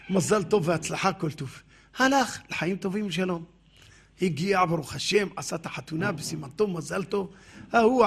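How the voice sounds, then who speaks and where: Guy with a high gravelly voice telling an old rabbi story, does the voices, gets loud in the dialogue. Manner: animated, acts out dialogue with raised voice.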